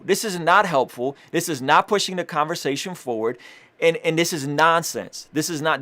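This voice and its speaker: Impassioned man ranting to camera. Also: on the high side. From Armenian family. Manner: impassioned, repetitive restarts, casual slang. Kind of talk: direct-to-camera commentary.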